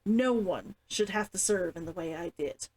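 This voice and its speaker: A woman's voice: on the low side, moderate pace, darkish tone, lightly acted, low-quality recording. Woman reading as a guarded, weary runaway man. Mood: firm.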